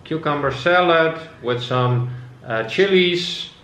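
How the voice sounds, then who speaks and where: A Dutch man chatting casually at a home dinner, speaking slowly and hesitantly with frequent pauses. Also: a little high, a bit bright. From Netherlands. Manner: slow, hesitant, with many uh's. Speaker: vlogger's partner. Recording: echoey room with faint noise.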